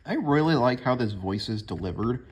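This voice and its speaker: A man's voice: mid-range voice, animated, normal speed, a little hiss or hum. A man hosting a video, giving casual scripted ranking commentary. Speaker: video host.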